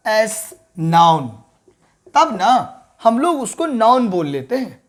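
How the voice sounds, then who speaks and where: A high-voiced man leads an online grammar class, often asking his viewers if they've followed along. He slowly repeats the main terms at a board.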